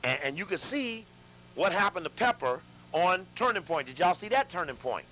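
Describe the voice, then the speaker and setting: A man lecturing a live audience, animated, asking them questions and repeating himself as he talks. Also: high voice, moderate pace, a little hiss or hum, low-quality recording. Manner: animated, addresses audience directly, repeats and restarts.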